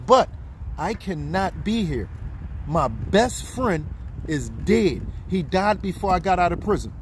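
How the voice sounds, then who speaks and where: A man of fifty doing a casual live-stream chat outdoors, talking straight to his viewers. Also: a little high. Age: 50s. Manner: chatty, talks straight to viewers. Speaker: livestreamer. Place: outdoors on a city street. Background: faint street and traffic noise.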